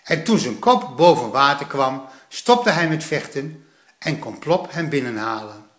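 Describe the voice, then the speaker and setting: A man reads a children's story aloud at an unhurried pace. His voice is bright, and his pitch moves in a lively way. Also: echoey room.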